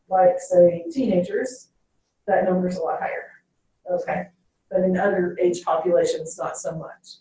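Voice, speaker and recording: Picked up from a distance in a very echoey classroom, a woman teaches a lecture in a medium-pitched, slightly mellow voice, closing her phrases and each point with "okay?".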